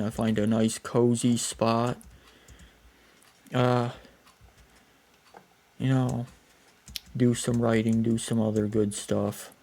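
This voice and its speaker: Casting: man, late twenties, unhurried self-deprecating gaming commentary, keyboard clacking underneath. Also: on the low side, gravelly, darkish tone. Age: 20s. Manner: rambling, self-deprecating, talks while playing. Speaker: gaming YouTuber. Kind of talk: casual gameplay commentary.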